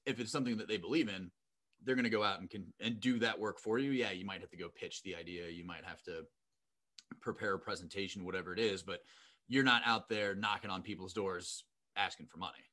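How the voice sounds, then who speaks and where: Low-voiced man co-host, bright tone. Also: brisk. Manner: loose, repetitive fillers like "you know" and "like". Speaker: podcast co-host. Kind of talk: casual chat, interviewing.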